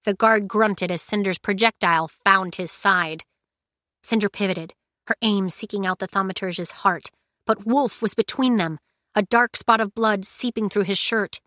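A woman narrating an audiobook in a measured, steady storytelling manner, recorded close to a studio mic. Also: medium pitch, no echo.

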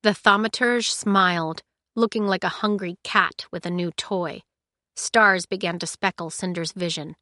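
A woman narrating an audiobook in a measured, steady storytelling manner, recorded close to a studio mic. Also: fairly low pitch, no echo.

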